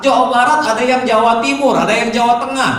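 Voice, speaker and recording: A man preaching a sermon as pastor, telling lively stories and mimicking regional dialects. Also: very high-pitched, quick pace. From Indonesia. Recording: echoey hall, distant mic.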